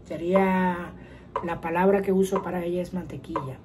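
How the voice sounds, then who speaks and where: A woman teaching a guitar lesson, explaining calmly step by step and counting rhythms out loud. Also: fairly low pitch, normal speed, rough recording. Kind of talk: casual music lesson. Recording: guitar and metronome playing behind. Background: guitar playing and metronome clicks.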